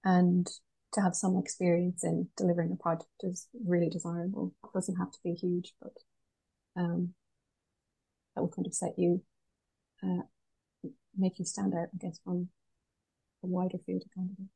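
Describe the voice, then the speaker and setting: A woman's voice: lowish voice, completely flat delivery, moderate pace, creaky, pauses often, dark tone, breathy edge, rough recording. A woman with a west of Ireland accent gives thoughtful, pragmatic answers as an interview guest. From Galway, west of Ireland. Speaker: interview guest, art curator.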